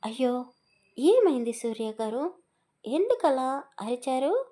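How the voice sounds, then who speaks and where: A woman's voice: high-pitched, very animated, slow, mellow, voice pushed up, exaggerated voice. A woman voicing a young orphaned bride in an audio story, speaking innocently and tenderly.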